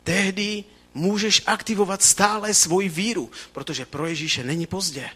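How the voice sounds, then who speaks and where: Bright-voiced fervent male preacher. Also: high-pitched, breathy edge. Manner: fervent, animated preaching with frequent fillers and restarts. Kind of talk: sermon.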